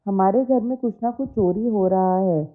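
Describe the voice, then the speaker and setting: A woman's voice: medium pitch, normal speed, soft background music, close to an everyday voice. Stern suspicious mother-in-law read by a woman, scolding tone, muffled lo-fi sound. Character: stern middle-aged mother-in-law, quick to blame.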